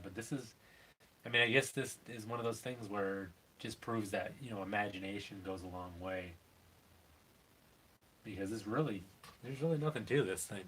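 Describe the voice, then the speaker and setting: Nasal-voiced middle-aged guy, low-ish voice, rambly and self-deprecating, lots of ums and likes. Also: slight background noise. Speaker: toy collector and channel host. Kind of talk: casual live-stream chat.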